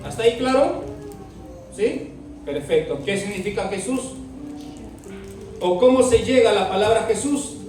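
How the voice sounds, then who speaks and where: His voice is high, animated and darkish, moving at a measured pace with long pauses. He's teaching a Bible class, quizzing students often and spelling out words letter by letter as dictation. The room is very echoey, the mic far away, with faint music behind.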